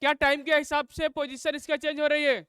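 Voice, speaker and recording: A man's voice: very high voice, level tone, a little fast, pushed and bright, no echo. A man teaching a live class. He fires call-and-response questions at his students and scolds the noisy ones.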